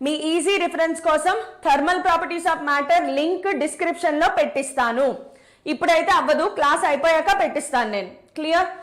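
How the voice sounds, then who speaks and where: A woman's voice: sits high, a bit bright. A woman teaching a physics class live online, explaining step by step, repeating key points and answering chat comments. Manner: brisk, repeats key steps, mixes English terms into Telugu.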